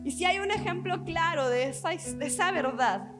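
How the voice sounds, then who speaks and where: A woman pastor with a high voice preaches a sermon earnestly. Her phrases often sink softly at the end. Faint music plays behind her. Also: animated, normal speed. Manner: earnest, with soft dropping phrase endings.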